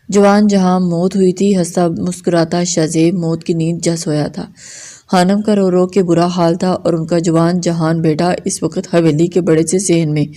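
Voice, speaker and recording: Low, mellow woman reading a novel. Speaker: novel reader. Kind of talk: scripted narration of a novel.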